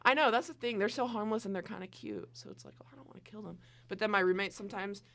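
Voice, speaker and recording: A woman's voice: mid-range voice, fast, a bit bright. A young woman co-hosting a casual morning chat show, telling stories with quoted asides. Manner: chatty, storytelling with quoted asides. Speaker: co-host.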